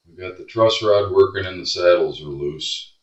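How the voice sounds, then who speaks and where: A man's voice: sits low, moderate pace, far from the mic, highs cut off. A man repairing a guitar at his workbench, muttering to himself and grumbling as he works. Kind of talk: workbench commentary. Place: workshop bench. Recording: echoey room, voice off-mic.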